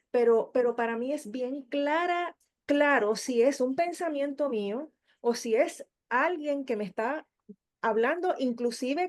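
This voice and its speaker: A woman's voice: fairly high pitch, a little mellow. A woman with a Puerto Rican Spanish accent, sharing her experience on a video call in a chatty way, repeating words and fillers. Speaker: study group participant.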